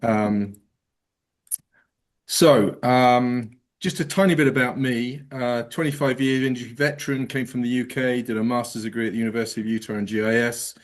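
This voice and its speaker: A man's voice: medium pitch, fairly even intonation. A middle-aged man with an English accent, giving a casual presentation to a meeting over a video call and joking about himself. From England. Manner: casual, quick self-deprecating humor, frequent ums. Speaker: guest presenter.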